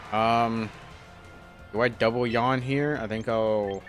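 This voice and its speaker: A man's voice: mid-range voice, fairly even intonation, slow, music in the background. A young man casually commenting on his own gameplay, thinking aloud with a self-deprecating, hesitant manner and frequent restarts. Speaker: gaming YouTuber.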